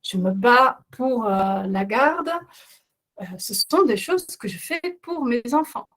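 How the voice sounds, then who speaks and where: A middle-aged parenting coach with a non-native accent, being a non-native speaker of French, presents a webinar. Her voice is on the high side, a bit bright, and slow with lively intonation, and she speaks earnestly with many hesitations and fillers.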